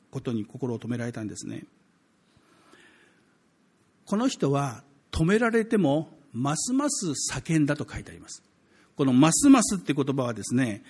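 A man's voice: fairly high pitch, husky. A man preaching a sermon as a pastor, talking conversationally to the congregation, with emphatic swells.

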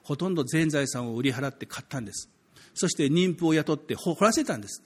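A man's voice: fairly high pitch, animated, fast talker, husky. A man preaching a sermon as a pastor, talking conversationally to the congregation, with emphatic swells.

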